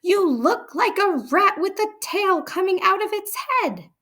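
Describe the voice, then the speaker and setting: A towering, tyrannical headmistress from a children's story. She shouts at a high pitch, barking insults and commands with open contempt and menace. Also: animated, measured pace, exaggerated voice. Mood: scornful bellowing. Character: huge tyrannical bellowing headmistress, cruel and menacing.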